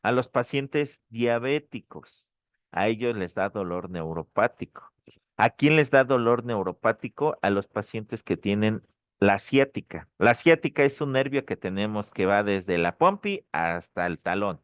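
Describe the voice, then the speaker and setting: A lower-pitched man, teaching a pharmacology class online. He repeats the key terms and keeps checking in with a quick "ok?". The recording is close and dry. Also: expressive, clean tone, no room sound. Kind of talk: online lecture. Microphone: dry close mic, online session.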